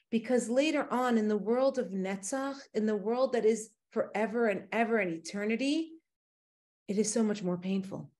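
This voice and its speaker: Woman, Torah teacher, conversational and explanatory, mid-range voice. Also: mid-range voice. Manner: warm explanatory teaching, rhetorical questions. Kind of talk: casual Torah class.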